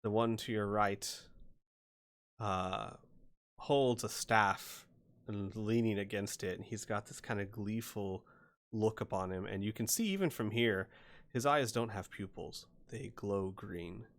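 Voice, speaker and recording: A man narrating a tabletop game as game master, improvising with halting, suspenseful pauses. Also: lowish voice.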